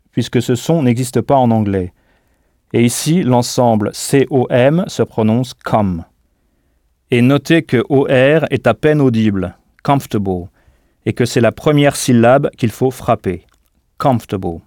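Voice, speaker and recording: Dry studio audio, no room sound: a man with an ordinary mid pitch and a darkish tone teaches a scripted language lesson. He's slow and deliberate, spelling out words one letter at a time.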